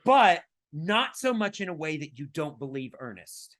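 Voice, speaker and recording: Raspy-voiced man in casual podcast chat. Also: a little high, moderate pace. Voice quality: raspy today. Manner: animated, emphatic, many fillers and restarts. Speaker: podcast co-host.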